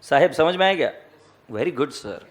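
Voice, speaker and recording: A male accounting lecturer with a high voice teaches a classroom, joking with students and firing off one question after another. He mixes English phrases into his Hindi, and his intonation is lively while his pace stays unhurried.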